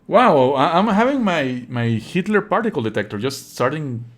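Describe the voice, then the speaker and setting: A livestreamer with a higher voice gives casual let's-play commentary at a normal pace, sarcastic and mocking, with a sing-song lilt. Faint game music plays behind him.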